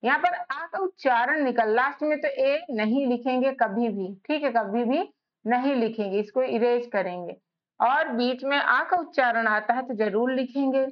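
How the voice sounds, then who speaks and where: A woman teaching a spelling lesson, spelling out letters one by one in a slow, patient way. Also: a little high. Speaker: English teacher. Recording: slightly dull lo-fi recording.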